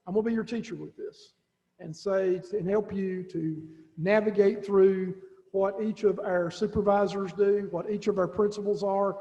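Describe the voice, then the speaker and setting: A man's voice: high voice, dark tone. A man, the director of schools, giving rambling, folksy remarks with many restarts at a school board meeting. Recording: dull lo-fi audio in a reverberant room.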